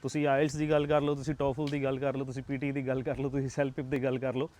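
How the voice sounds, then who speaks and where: Talking quickly in a level, mid-range, slightly mellow voice, this young Punjabi-accented man tutors IELTS. He addresses the camera with earnest, coaxing motivational advice, dropping in rhetorical tags to check in.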